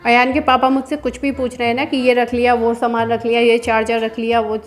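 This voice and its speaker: A woman's voice: a little high, level tone, fairly quick, faint music behind. A woman in her thirties, a home vlogger chatting through a casual voice-over, explaining each step in a homely way.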